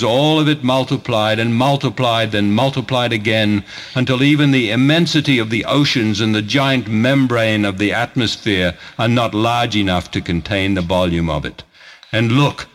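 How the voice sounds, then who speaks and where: A man's voice: medium pitch, fairly bright tone. A grand, foreboding orator acted by a man declaims an audio drama monologue like a hammy stage actor. The mid-range voice is theatrical and lamenting, weighting each phrase for effect. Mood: awed, lamenting.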